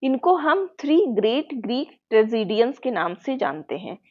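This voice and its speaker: A woman's voice: a little high, very animated, normal speed. A woman with an Indian accent giving an exam-prep lecture, explaining patiently and checking in with her students often. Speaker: teacher. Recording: muffled lo-fi sound.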